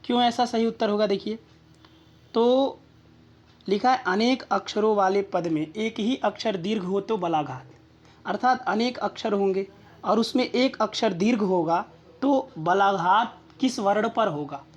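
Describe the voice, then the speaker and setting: A woman's voice: mid-range voice, unhurried. Woman tutor walking through exam answers. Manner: methodical, checks in with rhetorical questions.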